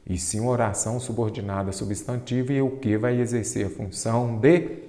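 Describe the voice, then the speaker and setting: A Brazilian man teaching Portuguese for an exam, asking his own questions and answering them, drawing out key terms slowly. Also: medium pitch, steady tone, mellow, roomy sound, big-room sound. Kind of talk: exam-prep lecture.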